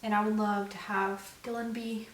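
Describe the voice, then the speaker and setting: A woman's voice: medium pitch, little pitch movement, moderate pace, slight background noise. A young woman co-hosting a vlog, chatting casually and rambling with many fillers. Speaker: vlog co-host. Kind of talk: casual chat. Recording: echoey room, mic at a distance.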